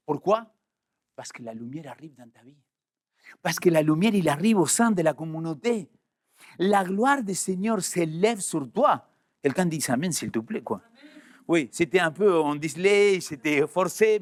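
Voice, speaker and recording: A man, a pastor, preaching a sermon to his congregation, animated and direct, with sudden jumps in pitch for emphasis. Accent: French-speaking Swiss.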